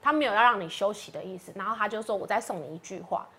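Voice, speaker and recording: Guest: young adult woman, warm conversational tone, middle pitch. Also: racing. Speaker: guest city councilor. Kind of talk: casual interview chat.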